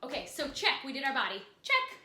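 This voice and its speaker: A woman with a high voice leads a kids' acting lesson from home, upbeat and speaking right to her young viewers. Her delivery stays fairly flat, and the room around her adds a clear echo. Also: normal speed. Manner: upbeat, talks straight to kids at home. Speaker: acting teacher. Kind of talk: children's acting workshop.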